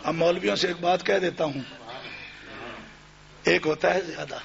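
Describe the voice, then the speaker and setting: A man preaching a fiery religious sermon, shouting and now and then chanting verses in a sung tone. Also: high-pitched, fairly even intonation, creaky. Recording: dull lo-fi recording with crowd.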